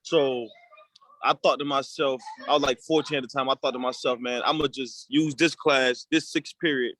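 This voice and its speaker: A man's voice: medium pitch, fairly even intonation, moderate pace, fairly bright tone. A young man from Puerto Rico, a rap artist, telling his story in a laid-back, slangy way as an interview guest. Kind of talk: casual interview talk.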